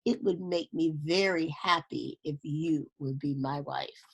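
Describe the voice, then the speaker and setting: Woman voicing slow, stately snake king. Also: low voice, vocal fry, a little hiss or hum. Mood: solemn, tender. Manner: slow, solemn declarations. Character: gentle male snake king, wise and stately.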